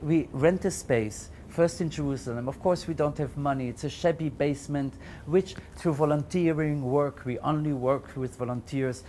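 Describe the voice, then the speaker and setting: A middle-aged Belgian man, founder of a Yiddish library, gives personal testimony to camera in a warm, mellow voice. He speaks reflectively and haltingly, often circling back over words, with a faint low rumble underneath.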